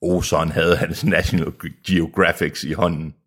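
A man's voice: low voice, flat delivery, a bit bright, husky. A man co-hosting a podcast, reading a novel aloud and breaking off for joking asides. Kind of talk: reading aloud with casual chat.

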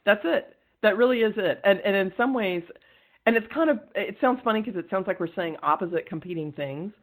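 A woman talking as a guest on a podcast, in an earnest, energetic way and quick to laugh. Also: mid-range voice, rough recording. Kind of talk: casual interview conversation.

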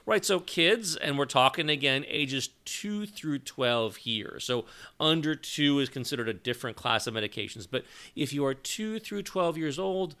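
A man co-hosting a medical podcast, explaining drug choices in a measured, teaching way. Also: on the high side, lively intonation, pushed and bright, clean tone. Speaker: podcast co-host, clinician. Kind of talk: educational medical podcast talk.

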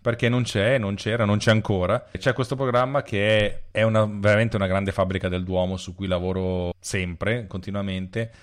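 A man's voice: on the low side, fairly even intonation, moderate pace, few pauses. A man talking as a programmer guest on a podcast, explaining things freely with frequent restarts. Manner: talks freely with restarts and trailing off. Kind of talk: casual conversation.

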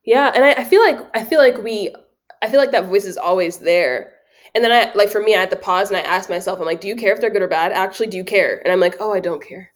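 A woman co-hosting a podcast in casual chat, blunt, getting animated when she acts out her own thoughts. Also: medium pitch, fast talker.

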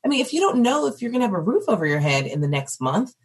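A woman on a discussion panel who talks in an animated, emphatic and sardonic way, like a teacher making a point. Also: fairly high pitch, fast, breathy edge. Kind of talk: casual political discussion.

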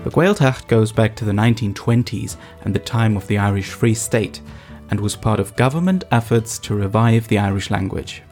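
A man's voice: lowish voice, moderate pace, darkish tone, soft background music. A man presenting scripted documentary narration, explaining things and addressing the listener directly. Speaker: host, narrator.

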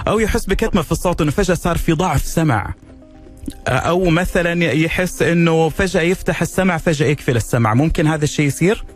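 A man's voice: on the high side, fast talker, soft background music. A male radio host, welcoming a guest and asking her questions plainly on a talk show.

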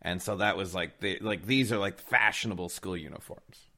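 A man's voice: low-pitched, moderate pace, pushed and bright. A man who is a podcast guest, enthusiastically chatting about a film. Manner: enthusiastic, quotes lines. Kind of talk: casual film discussion.

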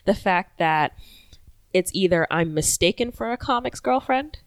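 Animated woman, English as second language. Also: on the low side, unhurried, no echo. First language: not English. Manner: animated, sarcastic asides. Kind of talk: casual chat.

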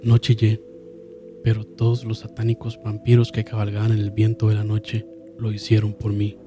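A man narrating a horror story in a slow, solemn manner, dropping to a hush and swelling again. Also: on the low side, monotone, over music. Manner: slow, solemn, with hushed drops and sudden swells. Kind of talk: dramatic horror story reading.

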